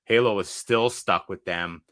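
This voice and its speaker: A young man with a low, bright-edged voice hosts a casual livestream podcast, loudly joking and shouting out viewers in the chat. His sound is dry and close on a desk streaming mic. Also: a little slow, dry recording. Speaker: podcast co-host.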